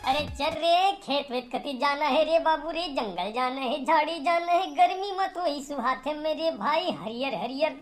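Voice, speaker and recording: A woman's voice: high-pitched, moderate pace, hardly any pauses, natural voice. A woman voicing a teasing male village friend in a cartoon comedy, speaking with a Chhattisgarhi accent and bantering constantly. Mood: cheeky. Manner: bantering, calls out "arre yaar" often. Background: background music.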